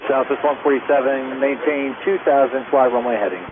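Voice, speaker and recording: Fast-talking male controller on tinny, noisy radio. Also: medium pitch. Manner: procedural, terse. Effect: aviation radio transmission. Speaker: air traffic controller. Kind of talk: clipped air traffic control instructions. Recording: tinny radio link, clear static noise.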